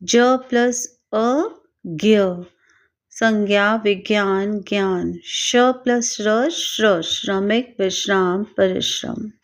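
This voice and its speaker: A woman teaching a grammar lesson, reading out example words slowly and carefully, one at a time. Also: mid-range voice. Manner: slow, careful, spells out each example word. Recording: dull lo-fi recording.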